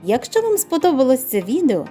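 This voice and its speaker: A woman narrating a children's fairy tale in an expressive, sing-song way. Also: sits high, a little fast, slightly rough, soft background music. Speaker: storyteller.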